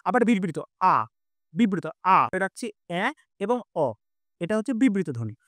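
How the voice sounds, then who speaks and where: A man's voice: high voice, sing-song, measured pace, a bit bright, no room sound, studio quality. A man teaching a live online class, explaining step by step, sounding out vowels and correcting himself as he goes.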